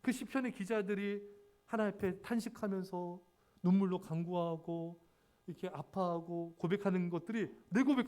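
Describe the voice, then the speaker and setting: A man with a high, slightly mellow voice preaches a sermon as pastor in a church sanctuary. He's earnest and repetitive, repeating key words and frequently calling out to his congregation.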